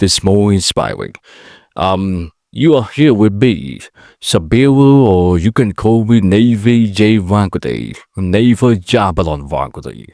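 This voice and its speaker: An Indonesian man in his late twenties hosts his own vlog podcast in English with an Indonesian accent, his voice low-pitched and darkish. He rambles in a chatty, halting way, often correcting himself as he talks solo. The sound comes through a camera mic yet is clean and studio-like, with no echo.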